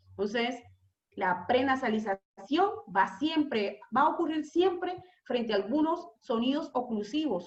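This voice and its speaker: A woman teacher giving a classroom lecture, explaining patiently, repeating key terms slowly and asking rhetorical questions. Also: high voice. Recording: echoey room, slightly dull lo-fi sound.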